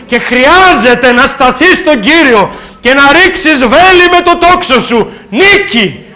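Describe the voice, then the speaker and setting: A man preaching an impassioned sermon in church, shouting exclamations and chanting repeated refrains. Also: extremely high pitch, lively intonation. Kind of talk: fervent sermon.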